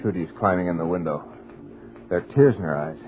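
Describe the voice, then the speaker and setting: Here a man with a low, slightly mellow voice plays a hypnotized writer, speaking fairly quickly and acting lightly. It is a 1940s radio drama in which he narrates his own helpless terror in desperate, urgent, breathless bursts. The old recording has poor audio with music in the background.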